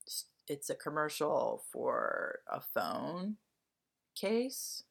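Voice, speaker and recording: Low-voiced rambling Delco woman. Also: big pitch swings, very slow, vocal fry, slightly rough. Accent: Delaware County, Pennsylvania, softened. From Delaware County, Pennsylvania. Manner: rambling, full of "like" and "um". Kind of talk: casual chat.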